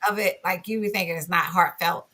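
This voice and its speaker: A woman's voice: fairly low pitch, steady tone, a little fast, sharp tone. A woman co-hosting a casual faith talk show, chatting and greeting viewers in the chat. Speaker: co-host.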